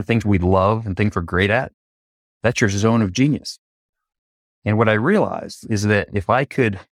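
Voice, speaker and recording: A middle-aged man from Atlanta, a coach giving an interview, who tells stories in an animated way and acts out the quoted dialogue. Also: fairly low pitch, no room sound, clean studio sound. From Atlanta, USA. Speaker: coach and facilitator, interview guest. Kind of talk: conversational interview storytelling.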